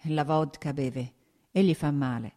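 A woman reading an audiobook, voicing a meek, timid woman companion who speaks softly and anxiously. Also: sits low, steady tone, a little slow. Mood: worried.

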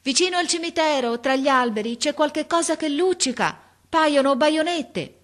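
A woman voicing a brave, fearless young boy in a storybook reading, calling out eagerly. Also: moderate pace. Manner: bright, excited calls from up high.

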